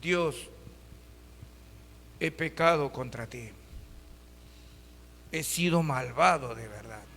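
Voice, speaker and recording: A man's voice: mid-range voice, slow pace, long pauses, fairly bright tone, long reverb tail, voice pushed down. A man voicing a remorseful captive king who weeps and pleads over his sins, as he acts him out in a sermon. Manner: pleading, crying out.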